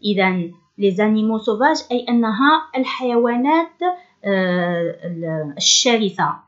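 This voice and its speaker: A woman teacher, working through a workbook lesson and slowly stressing the words she explains. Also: mid-range voice, animated, muffled recording. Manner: switches between French and Arabic, stresses words slowly.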